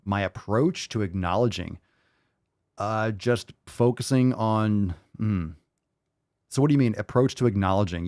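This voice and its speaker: A man in his late thirties with a very low voice hosts a live fitness Q&A. He answers viewers in a loose, thinking-aloud way, full of fillers and restarts. The sound is dry and close, with no room echo. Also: darkish tone, clean tone. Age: 30s. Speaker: fitness podcast host answering questions. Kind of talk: livestream Q&A.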